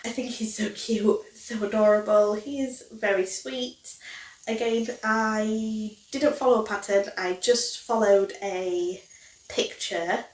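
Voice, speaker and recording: A young woman in her twenties, a crochet vlogger, chats casually to the camera in her living room, her nasal, blocked-nose voice full of ums. Her pitch is medium, her intonation fairly even, and she takes her time. The camera mic sits a few feet away, so she sounds distant and the recording is roomy.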